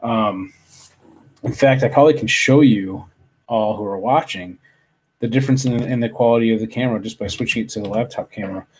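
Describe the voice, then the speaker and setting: A man with a fairly low, slightly mellow, husky voice talks a little fast while hosting a casual live stream from his home office. He speaks into a desktop USB studio mic and rambles, full of fillers, restarts and some mild swearing.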